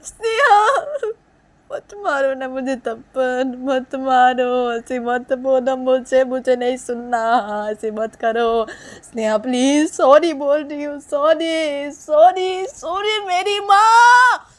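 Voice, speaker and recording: A tearful, pleading young woman, as a woman storyteller puts her on, her voice pitched very high. She begs and apologizes over and over, close to sobbing throughout. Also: animated, measured pace. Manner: pleading, repeating apologies, crying. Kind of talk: storytelling role-play.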